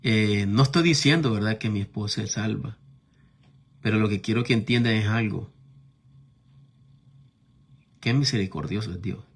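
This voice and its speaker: A man's voice: on the low side, gravelly, husky. A middle-aged man from Nicaragua with a Nicaraguan accent, preaching a sermon and telling a personal testimony in a conversational way, often checking in with his listeners. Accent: Nicaraguan Spanish. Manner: conversational, constantly checks in with tag questions.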